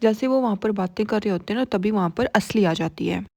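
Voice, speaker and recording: A woman's voice: medium pitch, fairly quick, vocal fry, darkish tone, no echo, studio quality. A young woman from India casually retelling a drama plot, chatty and full of fillers. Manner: conversational Hinglish with many fillers. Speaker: drama recap narrator. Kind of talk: casual storytelling recap.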